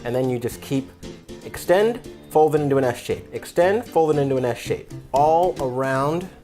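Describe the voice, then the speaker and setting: A man's voice: mid-range voice, lively intonation, normal speed, dark tone, soft background music. A man hosting a casual, comedic cooking lesson in a loose, rambling drunk manner, irreverent and a little profane. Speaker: cooking video host. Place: home kitchen.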